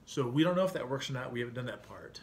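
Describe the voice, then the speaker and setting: A man's voice: medium pitch, expressive, very fast. A man co-hosting a vlog in casual chat, interjecting in an informal, opinionated way. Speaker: vlog co-host. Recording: faint background noise.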